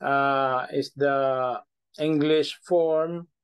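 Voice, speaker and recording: A man's voice: on the high side, steady tone, extremely slow, clear, resonant tone, rough recording. A middle-aged Filipino man, a pastor, teaching Biblical Greek in an online video-call class with a patient manner, checking in after each point.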